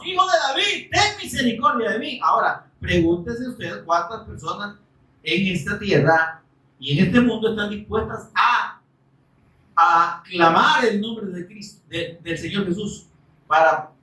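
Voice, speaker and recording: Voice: mid-range voice, distant mic. Emphatic preacher in a roomy hall. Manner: emphatic, rhetorical questions, bursts of shouting. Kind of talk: Spanish-language sermon. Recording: roomy, from off-mic.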